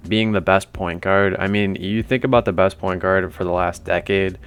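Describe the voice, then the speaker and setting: A man's voice: low-pitched, fairly even intonation, moderate pace, smooth. A man hosting a sports commentary channel, talking through viewer takes in a rambling, conversational way with lots of fillers. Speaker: basketball commentary channel host.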